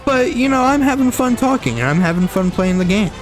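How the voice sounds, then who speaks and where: Faint music plays behind a young gaming streamer with a very high-pitched, lively, fairly quick voice. He talks non-stop while playing a shooter, rambling, repeating and correcting himself in casual commentary, with a slight frog in his throat.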